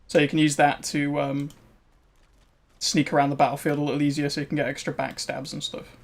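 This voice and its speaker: A man's voice: a little high, monotone, a little fast. A man streaming a game, chatting casually and answering viewers with lots of "um" and "like.". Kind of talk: casual gameplay commentary.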